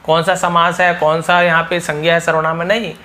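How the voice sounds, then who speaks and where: A man's voice: a little high, level tone, brisk, pushed and bright. A man teaching spoken English in a casual lesson, repeating each phrase and asking rhetorical questions.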